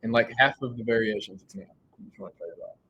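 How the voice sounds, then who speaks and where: A man's voice: on the low side, fast, bright, forceful tone, slightly rough, low-quality recording. A man commentating a chess game live, thinking aloud and often restarting his sentences.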